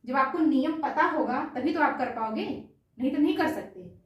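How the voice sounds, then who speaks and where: A woman's voice: high voice, lively intonation, moderate pace, a little hiss or hum. A woman teaching an exam-prep grammar lesson who asks each question and answers it herself, repeating the answer. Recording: very echoey room, distant mic.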